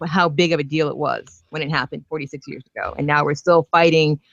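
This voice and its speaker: A woman's voice: deep voice, steady tone, fairly quick, vocal fry, a bit bright, no echo, highs cut off. A woman from Northern Virginia calling in as a guest, explaining a topic earnestly with plenty of fillers. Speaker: guest caller, activist. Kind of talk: phone-in interview.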